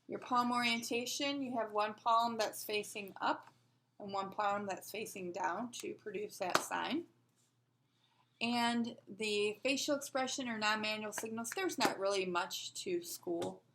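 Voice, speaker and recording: A woman's voice: mid-range voice, a little slow, fairly bright tone, slight background noise. A woman teaching a sign language lesson, patiently explaining and asking rhetorical questions as she demonstrates.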